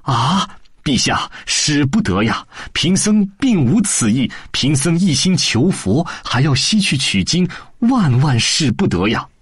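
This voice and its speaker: A man's voice: on the high side, big pitch swings, unhurried, hardly any pauses, slightly rough, dry recording, studio quality, pitched above the performer's own voice, exaggerated voice. A man voicing a timid, pious male monk in an audiobook, pleading and deferential. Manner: pleading, flustered. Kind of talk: storybook audiobook voice acting.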